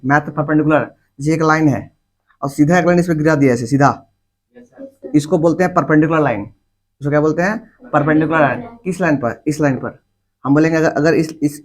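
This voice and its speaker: A male teacher giving a class lecture, repeating key words and asking the class questions that he answers himself. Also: fairly high pitch. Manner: repetitive, asks questions and answers them himself; informal, addresses students directly.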